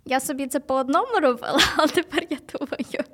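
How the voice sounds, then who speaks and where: Blunt high-voiced young woman. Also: fast, a bit bright. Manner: blunt, sarcastic, frequent swearing. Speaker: podcast co-host. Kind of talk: casual podcast chat.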